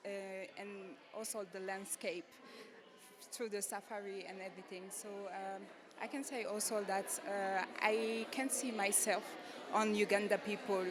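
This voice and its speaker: A woman's voice: medium pitch, fairly even intonation, measured pace. A woman pageant contestant from Senegal, answering interview questions hesitantly and often searching for words. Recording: crowd chatter behind.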